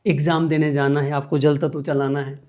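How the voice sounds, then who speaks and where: A man's voice: on the high side, level tone, moderate pace, darkish tone. A man teaching meditation as a guest, explaining each step patiently and repeating key points. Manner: patient, repetitive step-by-step instruction.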